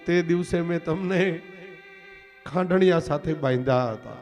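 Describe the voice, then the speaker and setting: A man's voice: high-pitched, a little mellow. A man voicing Yashoda, a loving mother pleading tearfully with her departing son, in a devotional storytelling sermon.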